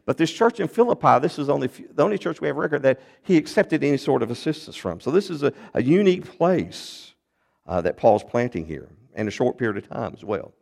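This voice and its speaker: A man preaching a sermon, retelling a Bible story in an animated storytelling manner with big swings in pitch and loudness. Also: fairly quick, gravelly.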